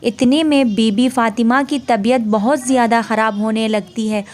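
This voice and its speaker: A woman's voice: a little high, steady tone, a little mellow. A woman narrating a religious story in an earnest, emotional storytelling manner.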